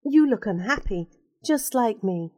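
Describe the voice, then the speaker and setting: A woman narrator voicing a sad young woman in a church, speaking softly and gently. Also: a little high, animated, measured pace, dry recording, clean studio sound. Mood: gentle. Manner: soft, gentle and melodious.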